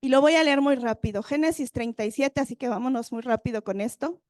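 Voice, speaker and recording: A woman's voice: sits high, brisk, darkish tone, dry recording, clean studio sound. A woman preaching a sermon, reading Bible verses and putting questions to her listeners.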